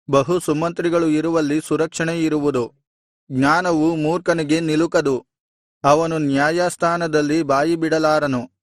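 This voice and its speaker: A man giving a measured, solemn reading of scripture. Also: on the high side, dry recording, studio quality. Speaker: Bible reader.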